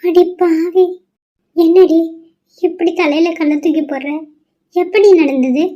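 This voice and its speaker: A woman voicing a worried middle-aged mother in a cartoon, loud and demanding as she scolds her daughter. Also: high voice, steady tone, normal speed, dull audio, close to an everyday voice. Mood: scolding. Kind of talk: cartoon voice acting.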